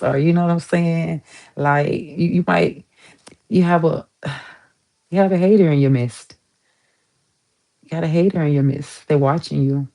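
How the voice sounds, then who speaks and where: A woman with a deep, dark-toned voice gives her viewers a casual tarot reading. She is chatty and emphatic, swearing casually and repeating herself to drive points home.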